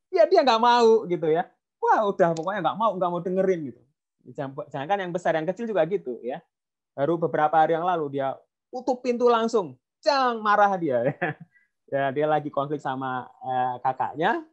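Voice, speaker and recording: Man giving a parenting talk online. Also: high voice. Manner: storytelling, acts out dialogue, frequent fillers. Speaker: parenting speaker. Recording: dull lo-fi online audio.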